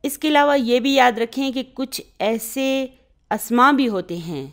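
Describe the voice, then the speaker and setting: A woman whose first language is Urdu gives an Arabic grammar lesson in a slightly high voice. She explains each point step by step and keeps checking that her students are following. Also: animated. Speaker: Arabic teacher.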